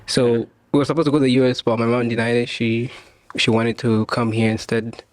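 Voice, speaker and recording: A man's voice: mid-range voice, fairly quick, no echo. Laid-back young man from Tanzania. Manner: relaxed, laughs often, many fillers like "you know". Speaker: podcast guest. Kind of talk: casual interview chat.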